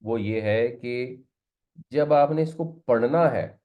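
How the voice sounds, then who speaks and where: Man teaching, muffled recording. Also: mid-range voice. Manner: explains step by step, slipping English words into his talk. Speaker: Quran teacher. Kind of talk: classroom lesson on Arabic grammar.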